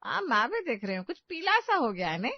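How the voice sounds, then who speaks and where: A woman's voice: high voice, big pitch swings, quick pace, breathy edge, no echo, full character voice. A woman voicing a lazy, fretful middle-aged mother-in-law in a cartoon story, complaining and ordering others about. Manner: complaining, bossy. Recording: dull dry recording.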